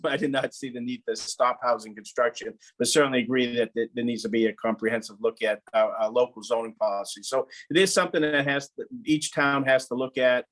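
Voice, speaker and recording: Plain-spoken man. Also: mid-range voice. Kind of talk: panel discussion remarks.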